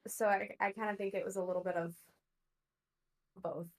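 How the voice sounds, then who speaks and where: A woman's voice: mid-range voice, fairly even intonation, moderate pace. Easygoing woman with a Southern US accent. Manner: easygoing, laughs between thoughts. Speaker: former contestant guest. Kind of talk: casual recap chat.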